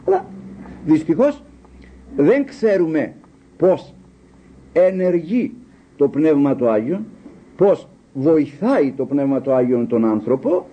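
An older man giving a sermon, telling stories with quoted dialogue and rhetorical questions, in an animated, husky voice. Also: sits high, lo-fi sound. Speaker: lay preacher.

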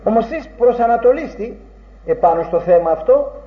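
A man with a high-pitched voice delivers an earnest, rhetorical sermon, leaning on old-fashioned phrasing. The recording is dull and muffled, and it rings in a roomy space. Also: expressive. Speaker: preacher. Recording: dull, echoey room recording.

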